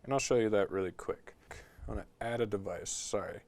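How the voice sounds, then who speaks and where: Laid-back, low-voiced man demoing studio gear. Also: a little fast. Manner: relaxed, filler-heavy explaining with frequent "like" and "um". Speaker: music production instructor. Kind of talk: casual tutorial walkthrough. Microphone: talkback mic in a studio.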